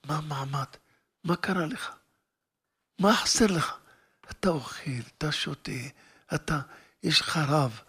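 A man doing a hushed, scolding wife. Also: a little high, long pauses, breathy edge, exaggerated voice. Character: sensible wife talking her husband out of rebellion.

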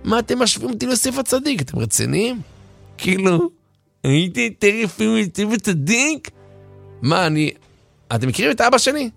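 Guy doing a cocky vain young dude, high and loud, gravelly. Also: very animated, faint music behind, heavily acted. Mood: indignant. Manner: boastful, indignant, loud exclamations. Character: vain flashy young man, brash and full of himself.

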